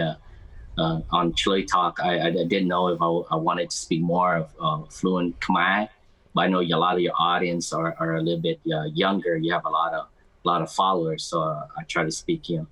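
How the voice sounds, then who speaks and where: Deep-voiced man. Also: little pitch movement, bright, forceful tone, poor audio. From United States, Cambodian American community. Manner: halting, often repeats words as he goes. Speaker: podcast guest. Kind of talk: casual interview chat, mixing Khmer and English.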